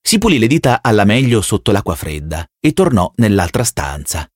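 A man narrates a novel in a low voice with measured, expressive storytelling. His pitch moves in a lively way, and the recording sounds close and dry with no room echo. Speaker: audiobook narrator. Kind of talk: scripted narration.

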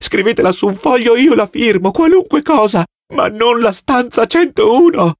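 A man's voice: animated, normal speed, dry recording, studio quality. A man voicing a terrified, starving male prisoner who begs and screams for mercy in an audiobook reading. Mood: desperate pleading. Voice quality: shrill pleading cries.

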